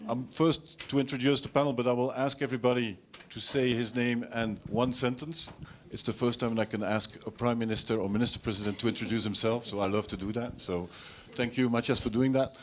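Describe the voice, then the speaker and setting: A man's voice: mid-range voice, steady tone, a little fast, slight background noise. A man moderating a conference panel, enthusiastic and rambling.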